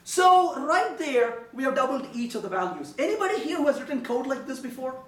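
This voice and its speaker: A man gives a technical conference talk with a bright, high voice that jumps all over its range. He jokes and acts out small voices for the audience. He is heard from a distance in a roomy, echoing hall. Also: big pitch swings, brisk. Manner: playful, joking, acts out little voices. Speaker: conference speaker. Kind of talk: live technical talk with live coding. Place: lecture room with audience. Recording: echoey room from a distance.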